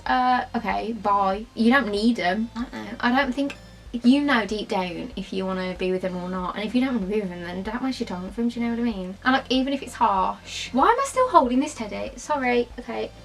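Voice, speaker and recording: A woman's voice: fairly high pitch, expressive, a little fast, poor audio. A tipsy young British woman chatting casually and bluntly to camera in an informal question-and-answer style. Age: young adult. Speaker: vlogger.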